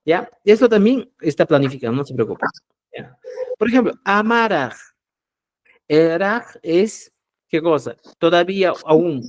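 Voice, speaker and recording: A man runs a live online language class, his voice pitched a little high for a man. He drills example words slowly and with emphasis. He keeps checking that the students are following him. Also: lively intonation. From Peru. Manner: checks understanding with repeated "¿ya?". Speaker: Quechua language teacher.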